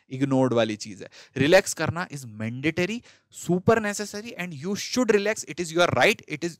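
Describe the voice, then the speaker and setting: A man's voice: a little high, a bit bright, dry recording, clean studio sound. A man, an online teacher giving a motivational talk to exam students in a direct, scolding but friendly way, repeating points for emphasis.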